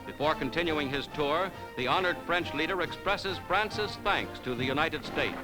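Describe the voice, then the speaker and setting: A man delivering 1940s newsreel narration in a brisk, emphatic announcer style, as on an old newsreel recording. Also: on the high side, animated, rough recording. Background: loud music bed.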